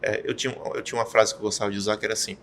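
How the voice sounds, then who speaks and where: A man hosting a podcast, chatting casually and speaking softly as he passes on a favorite saying. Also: lowish voice, little pitch movement, very fast, slight background noise. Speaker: podcast host. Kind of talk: casual chat.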